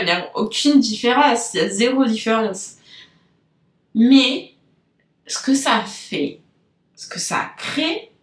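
A woman's voice: medium pitch, fairly bright tone, roomy sound. A woman from France with a French accent, a business coach hosting her podcast in a loose, unscripted monologue that rambles and digresses as she talks straight to her listeners. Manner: rambling, chatty, loses her thread and digresses; talks directly to listeners with frequent fillers.

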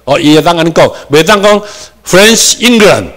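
A man with a Taiwanese accent giving a classroom lecture, moving between Hokkien and Mandarin, dropping in English terms and asking himself questions as he goes. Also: normal speed. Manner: animated, with sudden rises in pitch and volume for emphasis. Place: lecture room.

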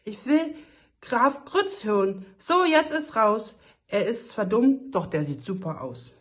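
A woman reading a children's story aloud, voicing a spoiled, stubborn young princess with shrill, whiny outbursts. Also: big pitch swings, slow pace. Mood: smug.

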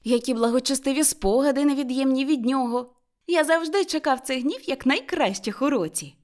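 A woman voicing a cheerful, warm-hearted young man who talks eagerly and excitedly in a storybook. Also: high-pitched, a little fast, voice pushed up, lightly acted. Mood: pleading.

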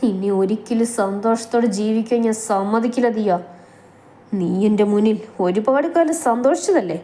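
A woman's voice: normal speed, mellow, natural voice. A woman voicing a possessive, tearful young woman who pleads and schemes, in a storybook reading. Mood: spiteful. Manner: pleading, high and strained.

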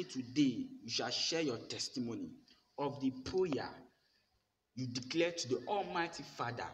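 A young man preaches a sermon straight into a phone held at arm's length, repeating his declarations with deliberate emphasis. He speaks at a slow, measured pace. The bare room adds a long, ringing reverb over a faint background hum. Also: medium pitch, bright, forceful tone. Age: young adult. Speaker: pastor. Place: bare indoor room with plain walls.

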